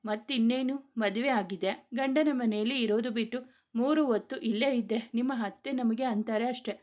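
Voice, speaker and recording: A woman's voice: fairly high pitch, normal speed, muffled recording, natural voice. A woman voicing a cheeky young married sister who talks back playfully. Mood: teasing. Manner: teasing, playful back-talk.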